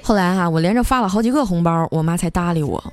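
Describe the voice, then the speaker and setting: A woman's voice: fairly low pitch, fast talker. A young woman hosting a podcast and telling funny everyday stories in a playful, laughing way. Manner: playful, laughing, acts out quoted family voices. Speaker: podcast host. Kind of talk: comic storytelling. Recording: music bed under voice.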